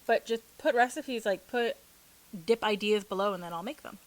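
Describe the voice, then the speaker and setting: A woman's voice: medium pitch, moderate pace, a little hiss or hum, poor audio. A woman hosting an eating show, chatting informally to viewers between mouthfuls. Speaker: mukbang host. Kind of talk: casual chat to viewers while eating.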